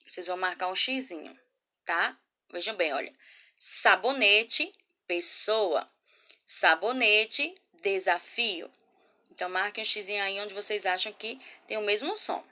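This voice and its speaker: A woman teaching a children's class from a camera, patient and affectionate, asking guiding questions and sounding words out slowly. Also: medium pitch, pushed and bright. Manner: patient, slow syllable-by-syllable spelling. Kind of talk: remote class lesson. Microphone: laptop or phone camera.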